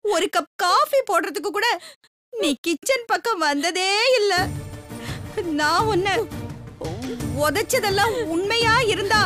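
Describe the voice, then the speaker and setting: An actress playing a scheming mother-in-law accused of cruelty, wailing her protests, over loud serial music. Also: extremely high pitch, expressive, slow pace, pauses often, full character voice. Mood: indignant pleading. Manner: wailing protests, frequent cries of dismay.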